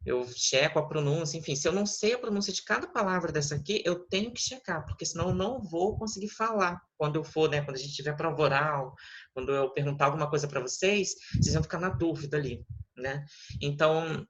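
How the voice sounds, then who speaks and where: A patient teacher talks a student through a lesson at a mid-range pitch. The teacher keeps checking understanding with quick tag questions and slows down to model English words. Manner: patient, explanatory, checks with "né?" and "tá vendo?".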